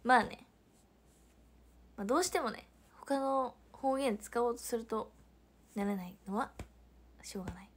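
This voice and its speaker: A young woman with a Hiroshima Japanese accent chats casually on a livestream. Her voice sits a little high, and she reads out viewer comments and laughs often. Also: moderate pace, pauses often, a little hiss or hum. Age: young adult. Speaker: idol livestreamer.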